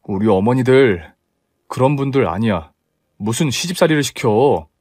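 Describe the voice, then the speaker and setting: A man's voice: medium pitch, animated, normal speed, a little mellow, no room sound, studio quality, lightly acted. A man voicing a timid young fiancé who keeps apologizing in a storybook tale. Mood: sheepish.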